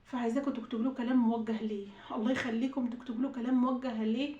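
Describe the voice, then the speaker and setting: A woman with an Egyptian accent talks to her followers at a breakneck pace. She is upset and choked up, and her voice sits a little high. The sound is dull and echoes around the room. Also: fairly even intonation, dark tone. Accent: Egyptian Arabic. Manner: rapid, pleading, repeats herself. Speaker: YouTube vlogger. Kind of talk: emotional storytime vlog.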